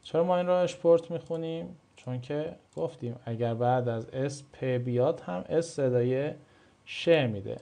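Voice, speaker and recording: A man with a mellow, darker voice gives a German pronunciation lesson in Persian. He explains patiently and says each example word twice, with a pitch that sits in the middle for a man. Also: creaky. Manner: explains slowly, repeats example words. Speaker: German language teacher. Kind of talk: video lesson.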